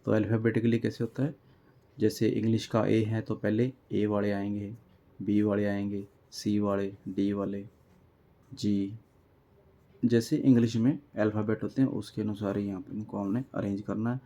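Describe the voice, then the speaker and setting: A man's voice: lowish voice, flat delivery, warm tone. A male teacher, patiently explaining workbook exercises, spelling out words letter by letter and reading lines aloud before translating them. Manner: reads English text aloud slowly, then translates it. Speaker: English teacher.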